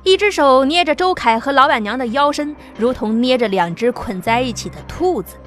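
A woman with a high-pitched voice narrates an audio drama, keeping a steady storytelling tone at a brisk pace. Soft music plays faintly underneath.

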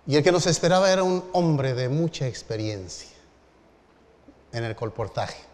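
A middle-aged pastor preaches at a medium pitch, unhurried, with pauses and rising emphasis. His voice carries a long reverb from a large hall or church. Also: expressive, a little mellow. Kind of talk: storytelling sermon.

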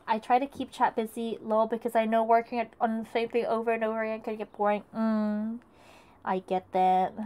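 A woman's voice: a little high, mellow. A young woman casually chatting with her live chat while she crafts, greeting viewers and often restarting her sentences. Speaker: arts and crafts streamer.

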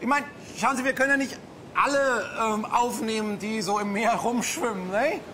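Man playing a high, excitable cruise passenger. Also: moderate pace, a little hiss or hum. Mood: excited. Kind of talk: stage comedy sketch.

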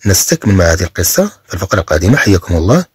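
A man with a Moroccan accent, teaching a bilingual reading lesson, explaining slowly and repeating phrases. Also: low voice, sing-song, slightly rough, dry recording, clean studio sound.

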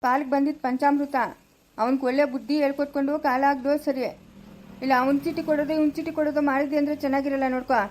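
A woman's voice: sits high, level tone, rapid-fire, darkish tone, slight background noise, natural voice. A woman with a rural Chikkaballapura Kannada accent playing a stern, caring old village grandfather in a homemade family skit, scolding and giving advice. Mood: lecturing. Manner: scolding, advising in a firm lecturing tone.

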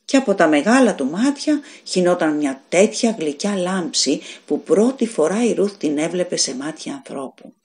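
A woman reads a fairy tale aloud for an audiobook, her voice sitting on the low side for a woman. Her telling is expressive, and her pitch rises and falls freely from phrase to phrase as the story moves on. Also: few pauses. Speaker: audiobook narrator. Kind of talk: scripted narration.

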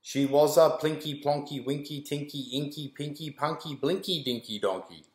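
Reading a rhyming picture book aloud to children, this school staff member, a man in his forties, keeps a rhythmic, sing-song cadence. His fairly high voice moves at a moderate pace, echoing in a small indoor room with bare walls.

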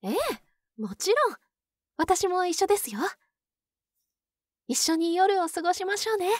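A woman voicing a pure young nun who is sweetly possessive and obsessive, in a soft, polite ASMR role-play. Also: very high voice, sing-song, no room sound, clean studio sound, full character voice. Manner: polite, soft, demure, lingering pauses.

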